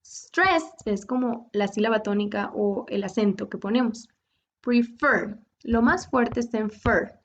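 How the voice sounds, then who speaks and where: A woman's voice: medium pitch, moderate pace, hardly any pauses. A woman whose first language is Spanish, teaching an English grammar lesson as a virtual tutor and explaining the rules step by step in both languages.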